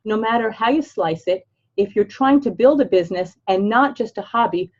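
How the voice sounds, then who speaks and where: Hosting a webinar, an older financial planner from Los Angeles talks in a chatty, upbeat American way, sprinkling in everyday fillers. Her mid-range voice is expressive and darkish at a normal speed, and the recording has its highs cut off.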